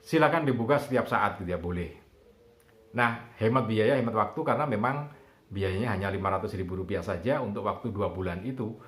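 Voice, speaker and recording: A man teaching public speaking, promoting an online course, talking in an unhurried, explanatory way with frequent fillers. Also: on the low side, animated, a bit bright. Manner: unhurried explanatory talk with frequent "nah" and "gitu ya". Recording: roomy echo.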